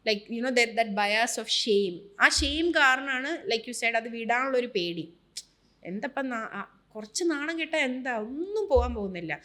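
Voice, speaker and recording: A woman from Kerala, India, with a Malayali accent appears as a guest on a casual podcast, speaking animatedly and emphatically while switching freely between Malayalam and English. Her voice is slightly higher than most women's, and she talks a little slowly.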